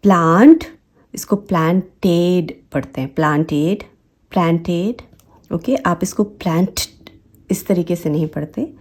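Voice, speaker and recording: A woman with a Hindi accent, teaching English phonics. She says each example word slowly and repeats it several times. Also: lowish voice, a little mellow, husky. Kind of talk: slow, deliberate teaching with repeated example words.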